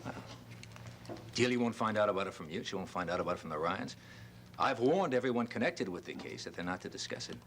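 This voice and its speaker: A man's voice: on the low side, lively intonation, fast talker, fairly bright tone, slight background noise. An actor playing a concerned male doctor in a daytime soap, speaking earnestly and reasoning things through. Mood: persuasive. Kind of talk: daytime soap opera acting.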